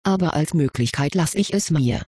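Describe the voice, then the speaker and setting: A reader voicing an earnest schoolgirl who speaks in a subdued, quietly disappointed way in a storybook reading. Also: medium pitch, animated, normal speed, breathy edge, no room sound, studio quality. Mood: resigned.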